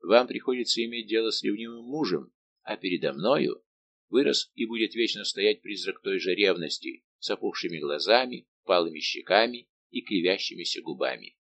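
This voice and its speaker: A man's voice: lowish voice, animated, normal speed, gravelly, fairly bright tone, lo-fi sound, exaggerated voice. A man voicing a tormented, lovesick young king in an audiobook, pleading and anguished.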